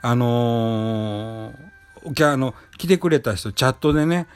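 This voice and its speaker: A man's voice: medium pitch, fairly even intonation, unhurried, smooth. A man with a Kansai accent hosting a casual solo talk show, rambling with many fillers and restarts. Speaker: podcast host. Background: faint background music.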